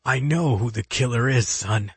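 A man's voice: mid-range voice, normal speed, vocal fry, husky, dry recording, pitched above the performer's own voice. A man doing a grave older father. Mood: dying. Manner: grave, earnest. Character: older male retired agent, weary father.

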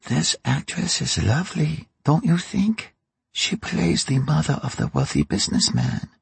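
A dry, raspy old crime matriarch, as a male reader puts her on, sly and mocking as she bargains. Her voice is husky and gravelly, raised well above the reader's own, and slow and drawn out. It is recorded close and dry. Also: fairly high pitch, wildly swooping pitch, dry recording, voice pushed up, exaggerated voice. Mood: gossipy. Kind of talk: audiobook character reading.

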